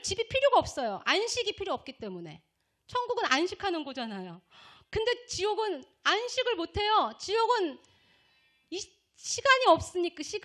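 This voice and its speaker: Woman preacher at a revival, high voice that jumps all over, keeps quizzing the crowd. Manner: emphatic, asks the congregation questions and answers them; acts out shouting voices in a high pitch. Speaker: missionary preacher. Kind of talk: revival sermon.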